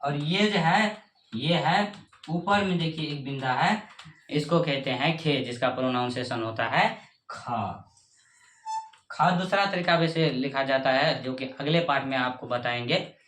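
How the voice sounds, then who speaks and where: A man's voice: a little high, measured pace, fairly bright tone, a little hiss or hum. Man w a teaching urdu letters, repeats everything twice, sure of himself, echoey room. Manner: repetitive, says each point twice, confident promises. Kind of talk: casual teaching of the Urdu alphabet.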